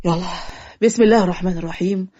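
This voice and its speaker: A woman's voice: on the low side, dark tone, pitched below the performer's own voice, close to an everyday voice. Woman voicing a joking young male officiant. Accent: Egyptian. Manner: teasing, quick comic retorts. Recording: lo-fi muffled audio.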